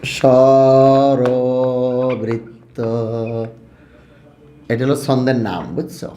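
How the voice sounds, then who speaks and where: Male teacher, mid-pitched, stretches words out and quizzes the class. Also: animated, a little hiss or hum. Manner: drawn-out repetition of words for students. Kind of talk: classroom grammar lesson.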